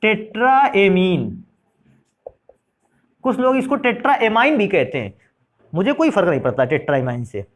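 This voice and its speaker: Teacher quizzing students on chemistry. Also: male voice, fairly high pitch, huge pitch swings, fast. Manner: asks questions and answers them himself; calls students "beta" and "bhaiya". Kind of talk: classroom lecture.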